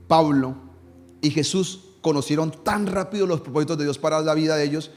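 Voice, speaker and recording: A man preaching a sermon as a pastor, asking the congregation rhetorical questions and dropping low and soft when he quotes a prayer. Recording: long reverb in a church hall.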